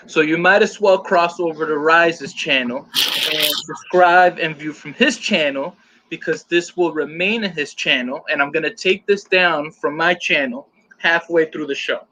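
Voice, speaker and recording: Bright, joking man chatting on a stream. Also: a little high, a little slow, poor audio. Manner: loose and joking, reading out chat comments. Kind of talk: casual live-stream chat.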